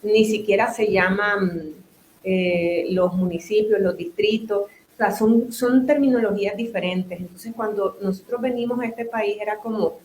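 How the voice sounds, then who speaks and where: A woman's voice: medium pitch, steady tone, unhurried, darkish tone. Chatty Nicaraguan woman in an echoey room. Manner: talkative, explains with restarts and asides. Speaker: guest, business owner and psychotherapist. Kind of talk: interview conversation.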